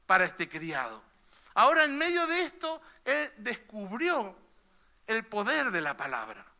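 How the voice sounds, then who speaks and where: Male pastor, very high, sharp, bright voice; chatty sermon full of "eh?" tags. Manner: conversational preaching, frequent "¿eh?" tags. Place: church hall.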